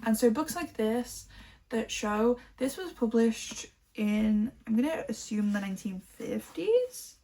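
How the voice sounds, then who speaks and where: A woman from Liverpool chatting casually about books she collected, rambling and filling pauses with "um" and "like". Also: a little high, very animated, warm tone. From Liverpool, England. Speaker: book vlogger.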